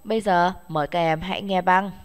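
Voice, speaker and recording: A woman teaching English to young children in slow, patient steps, with a Vietnamese accent, saying each word twice. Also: on the low side, fairly even intonation, clean tone, big-room sound.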